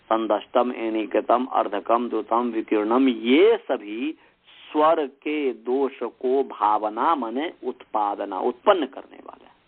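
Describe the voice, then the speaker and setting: Man, Sanskrit teacher, patient lesson, very slow speech, repeats terms, narrow phone-like sound. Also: lowish voice. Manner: slow, explanatory, repeats and acts out faults. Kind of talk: recorded lesson on pronunciation. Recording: tinny phone-like recording.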